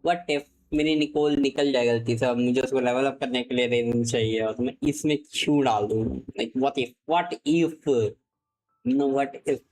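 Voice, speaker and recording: A young male game streamer from India with an Indian English accent, reacting out loud to his pulls. He mixes Hindi and English freely, curses when he gets excited, and talks at a slow, drawn-out pace. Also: medium pitch, a little hiss or hum, rough recording. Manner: excitable, swears, switches between Hindi and English mid-sentence. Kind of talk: live gaming stream commentary.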